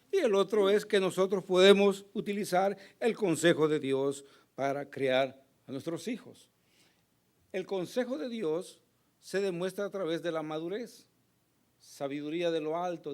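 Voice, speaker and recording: Hoarse man preaching a sermon. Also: high-pitched, darkish tone. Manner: earnest preaching with emphatic rises and asides to the congregation. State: hoarse, recovering from lost voice. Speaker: pastor.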